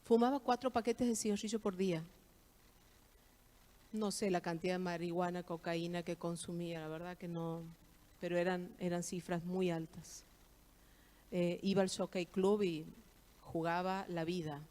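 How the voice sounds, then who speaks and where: A woman's voice: fairly low pitch, steady tone, normal speed, darkish tone. A middle-aged woman with an Argentine accent, giving a church testimony with heartfelt, emphatic repetitions. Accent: Argentine Spanish. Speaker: guest speaker giving testimony. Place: church service.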